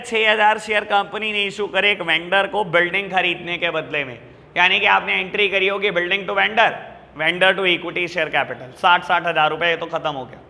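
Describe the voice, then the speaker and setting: A man's voice: high voice, bright, forceful tone, long reverb tail. A man teaching an accounts class, explaining step by step, mixing English terms into his talk and teasing students about the easy question. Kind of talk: classroom lecture.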